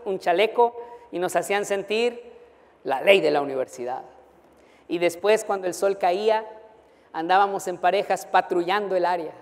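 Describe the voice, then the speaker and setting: A man who is a pastor, telling a humorous, animated story during a sermon to students. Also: high voice. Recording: long hall reverb.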